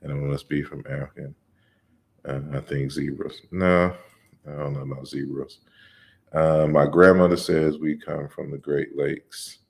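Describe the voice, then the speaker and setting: Man, extremely deep voice, livestream host, casual Q&A, relaxed lecturing explanations, lots of fillers. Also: creaky. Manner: relaxed and conversational, with frequent fillers and restarts; explains at length in a measured, lecturing way. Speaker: host of an open discussion livestream. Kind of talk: casual livestream Q&A, reading viewer comments.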